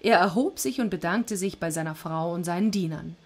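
Breathy woman reading a myth aloud. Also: lowish voice, fairly quick. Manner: lively, with chatty asides.

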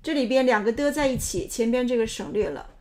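In a slightly high, somewhat mellow voice, a woman who teaches pronunciation narrates a lesson fairly quickly. She's methodical, explaining each step in turn.

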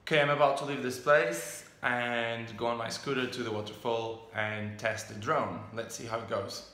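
Travel vlogger, thirties, chatty and thinking aloud, phone at arm's length, noisy outdoor recording. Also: male voice, mid-range voice, fairly even intonation, normal speed. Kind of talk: casual vlog talk to camera. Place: outdoors on rural roads and by a waterfall. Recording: loud traffic and outdoor noise.

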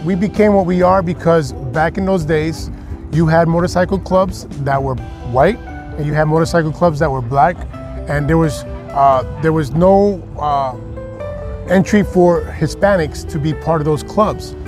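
A man's voice: fairly high pitch, unhurried. A middle-aged man from New Jersey with an American accent that carries into his Spanish, an English speaker answering as a club president in an interview. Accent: American, heard also in his Spanish. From New Jersey, United States. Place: outdoors in a parking area. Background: music.

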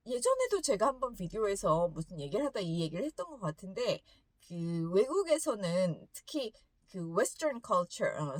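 Lively, chatty woman teaching English. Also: medium pitch, no echo. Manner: animated, laughs often between sentences. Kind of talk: casual storytelling lesson.

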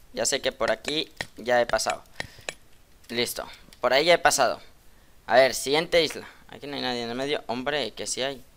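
Bright-voiced young man commentating a game. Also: medium pitch, vocal fry. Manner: chatty, teasing opponents, bursts into loud excited talk. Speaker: gaming YouTuber. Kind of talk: casual Minecraft commentary.

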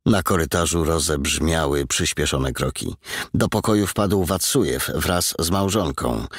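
A man's voice: a bass voice, unhurried, dry recording, clean studio sound. A man reading an audiobook as the narrator, telling the story with tense drama. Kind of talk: scripted narration.

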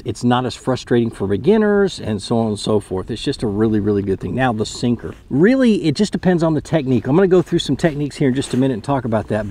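On a lake, a man in his thirties films a casual fishing tutorial from his kayak, the camera mounted close in front. He hosts a fishing channel and speaks in a dark, mid-range voice, chatty and explanatory with frequent restarts, with a little hiss or hum in the audio.

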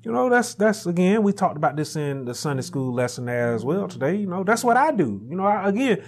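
High-voiced preaching man at a pulpit. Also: big pitch swings, brisk. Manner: preaching with rising, shouted emphasis and repetition. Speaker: pastor. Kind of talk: sermon. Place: small chapel room indoors, standing at a pulpit. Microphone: lapel mic.

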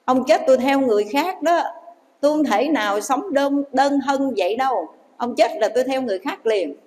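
Tart fickle second wife, done by a woman, quick and sharp, high voice, long echo. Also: expressive.

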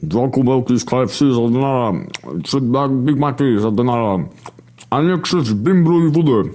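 A man voicing a heavenly voice that hawks wares like a loud market vendor. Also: medium pitch, moderate pace, voice pushed up, close to an everyday voice. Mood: hawking. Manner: loud sing-song hawking.

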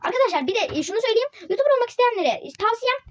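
A woman gameplay YouTuber, giving loud, excitable commentary over a football game and repeating her shouts. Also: very high-pitched, racing.

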